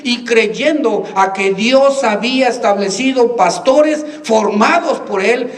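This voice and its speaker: A man preaching in a church, with a voice that sits high for a man. He tells stories and acts out the lines of the people in them, laughing often. The sound is roomy and distant, with faint ambience behind him. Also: a little hiss or hum. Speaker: pastor. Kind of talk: sermon. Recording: echoey room, mic at a distance.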